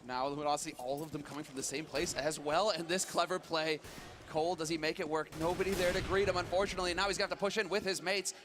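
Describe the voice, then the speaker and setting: A man commentating as an esports caster, giving excited, urgent play-by-play. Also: a little high, fast talker, noisy background. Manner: urgent, building to shouts at big plays.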